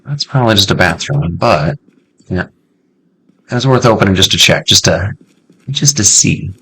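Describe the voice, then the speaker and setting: A man hosting a casual let's-play, chatting to himself in an excitable way and swearing freely as he loots. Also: low voice, moderate pace, slight background noise. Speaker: gameplay video host.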